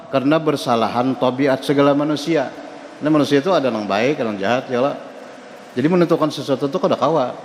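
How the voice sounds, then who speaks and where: Speaking with a Banjar accent, this religious teacher from South Kalimantan, Indonesia, keeps his mosque study-circle lecture informal, asking the audience questions and chuckling. His medium-pitched voice echoes through a large hall with a long reverb tail. A faint hiss lies beneath the recording.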